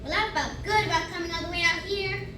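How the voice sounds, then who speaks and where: An achy, folksy old prospector, played by a girl in a school play. The voice is very high, distant in an echoey hall under loud noise. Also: fairly even intonation, fast. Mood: weary, hopeful. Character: married forty-niner prospector, achy and folksy. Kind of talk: school stage play recitation.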